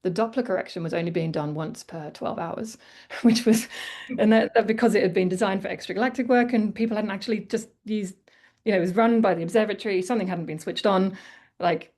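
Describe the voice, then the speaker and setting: A woman's voice: medium pitch, brisk, a little mellow. A woman with an Australian accent giving a conference talk, then chatting candidly with many casual fillers. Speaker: conference speaker.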